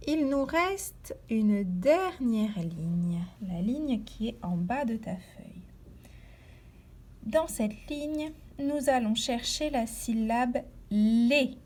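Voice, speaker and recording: A woman teaching young children, speaking patiently and repeating each word slowly and distinctly. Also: a little high, animated, a little mellow. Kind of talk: slow, deliberate lesson for young children.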